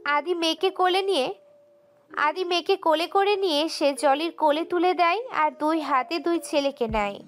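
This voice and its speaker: A woman narrating a scripted romantic audio story in an emotive, steady way. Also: very high-pitched, normal speed.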